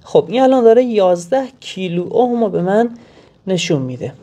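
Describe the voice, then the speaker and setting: A woman's voice: mid-range voice, expressive, mellow. A woman walks through a practical repair tutorial one step at a time. She speaks plainly, stopping now and then to think aloud mid-sentence. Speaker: technician demonstrating sensor tests. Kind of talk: hands-on technical tutorial.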